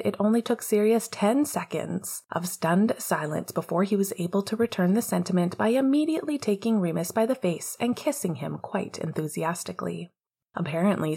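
Soft-spoken husky woman narrator. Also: medium pitch. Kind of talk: audiobook narration of fiction.

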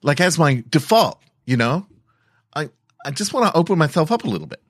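Man doing a brash blunt young woman, rambling, indignant, squeaky when upset, dry sound. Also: sing-song, fairly quick, breathy edge, no echo. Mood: tearful.

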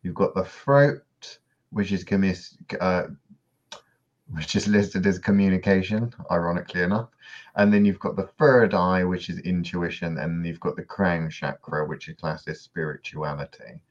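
A man co-hosting a podcast in casual discussion, dry and sardonic, often trailing off quietly at the ends of sentences. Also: low-pitched, little pitch movement, moderate pace, dull audio. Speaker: podcast co-host.

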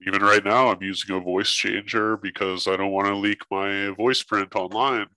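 Man speaking through a deepening voice changer. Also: steady tone, moderate pace, sharp tone, dry recording. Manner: blunt, swears casually. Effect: voice changer disguising his voice. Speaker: guest, investigator. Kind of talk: casual interview chat.

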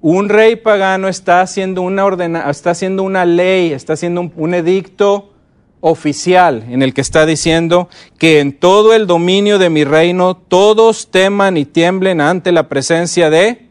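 A middle-aged man lectures at a conference with a fairly high voice. He keeps asking his listeners whether they follow him and slows down to stress key words. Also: clear, resonant tone. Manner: lively, asks the audience frequent check-in questions. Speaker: conference speaker teaching. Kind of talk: conference lecture on teaching Bible stories.

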